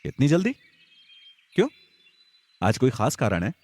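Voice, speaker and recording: A man's voice: mid-range voice, measured pace, pitched above the performer's own voice. A man voicing a jumpy, teasing young villager. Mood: casual. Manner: tries to sound calm, teasing. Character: scared young village man, Vicky's friend.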